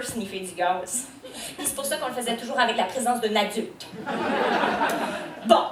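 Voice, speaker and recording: A woman's voice: on the high side, reverberant, recorded from a distance, a little hiss or hum. Brash Acadian woman comic on stage. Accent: Acadian French. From New Brunswick, Canada. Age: young adult. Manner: brash, loud and teasing with the crowd. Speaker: stand-up comedian. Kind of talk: stand-up comedy set. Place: comedy stage before a live audience.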